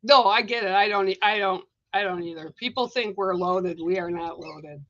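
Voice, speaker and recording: Woman, livestream co-host, animated storyteller, muffled stream sound. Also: medium pitch, normal speed, crowd noise. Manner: animated storyteller, acts out quoted voices. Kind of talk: casual storytelling chat. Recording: dull lo-fi livestream audio.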